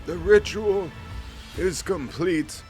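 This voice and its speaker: Withered vizier of a death cult played by a man, video game role: raised pitch, solemn, thunderous, ceremonial proclamations. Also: slow, a little mellow, soft background music. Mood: reverent, exalting. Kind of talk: video game dialogue read aloud.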